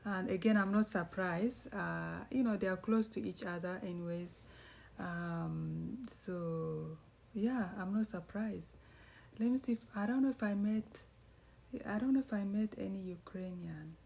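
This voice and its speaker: In a laid-back vlog, a woman from East Africa who writes and runs a YouTube channel wanders through her thoughts, fixing her words as she talks. Her medium-pitched voice is unhurried, gravelly, and somewhat dark.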